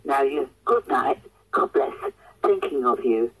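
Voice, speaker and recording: A woman's voice: rumbling low, lively intonation, measured pace, slight background noise, poor audio. An older woman leaving a voicemail for her grown child, heard played back over a landline phone. She talks in an earnest, repetitive way and keeps restating names and good wishes.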